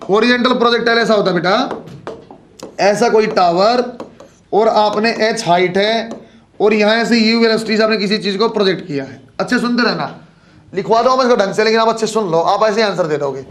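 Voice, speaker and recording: Pitched high and brisk, the male lecturer teaches physics to students preparing for exams. He answers the questions he asks and refers to the class as "bachhon" and "beta."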